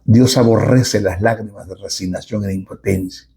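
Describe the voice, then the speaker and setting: A middle-aged man preaching a sermon as a pastor, emphatic and with dramatic pauses. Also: on the low side, steady tone, gravelly, dark tone, breathy edge.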